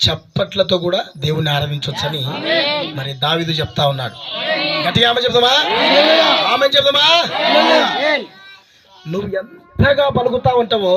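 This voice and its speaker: A man with an Andhra Pradesh Telugu accent preaching a sermon, questioning and urging his congregation. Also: sits high. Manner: shouts and pleads with congregation. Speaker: pastor. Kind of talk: sermon with call-and-response. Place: church hall with congregation. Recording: crowd noise behind.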